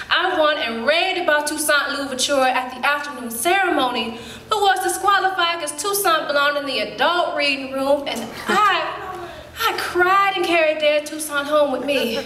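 A woman performing a dramatic stage monologue as a spirited woman recalling her girlhood, telling it in lively, colloquial speech with sudden jumps in pitch. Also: a little hiss or hum. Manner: lively storytelling, colloquial, with quick leaps up in pitch. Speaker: stage actor. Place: theater stage. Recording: roomy hall.

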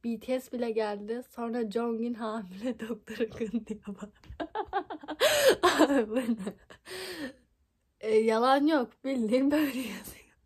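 A woman's voice: fairly high pitch, steady tone, a little slow, a little mellow, husky. A young woman reading a fan fiction book aloud into her phone, stumbling over words and laughing at it, her voice a bit scratchy from a tickly throat. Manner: amused, mocking asides, frequent laughs and stumbles.

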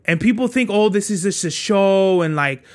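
Young male podcast host, high voice, rambling and profane, street slang. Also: animated, moderate pace. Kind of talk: casual solo monologue.

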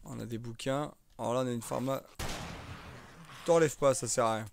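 A man's voice: mid-range voice, fairly even intonation, moderate pace, vocal fry, noisy background. Young man, live game streamer, chatty and joking, talks to his chat, keyboard clicks behind. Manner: chatty, joking, reads and answers viewer chat. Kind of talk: live gameplay commentary.

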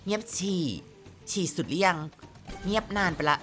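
Woman streamer, lowish bright voice, chatty and playful, casual gameplay commentary at a close mic, game music faintly behind. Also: normal speed. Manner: chatty, playful, exclaims at the screen.

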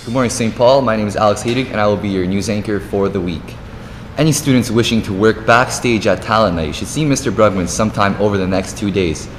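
A man's voice: lowish voice, brisk, music in the background. A young man reads school morning news as a student anchor. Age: teenager to young adult. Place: indoor school studio, seated at a desk. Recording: reverberant room, faint noise.

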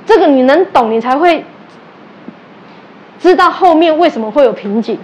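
In a high-pitched voice at a moderate pace, a religious teacher gives a sermon in Taiwanese Mandarin interwoven with Hokkien. She relates stories animatedly, performs the quoted exchanges and asks the audience questions. The audio is poor.

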